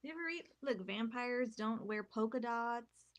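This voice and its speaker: A woman podcast co-host with a Texan accent, chatting in a lively way and reminiscing. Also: a little high, a little slow. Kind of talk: casual chat.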